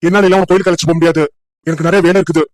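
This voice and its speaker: A gruff, impatient young village man, as a woman puts him on for a cartoon love story. He rattles his words off at speed in a flat, low, dismissive voice. The sound is dry and close. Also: very fast, dry recording, lightly acted. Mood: irritated. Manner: scolding, dismissive.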